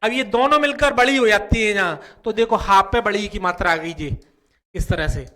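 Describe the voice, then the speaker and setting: Male grammar teacher, North Indian Hindi accent, high, bright voice, slow and repetitive delivery. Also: a little hiss or hum. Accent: Hindi-speaking North Indian. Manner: slow, repetitive explaining with frequent "ठीक है". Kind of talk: whiteboard grammar lesson.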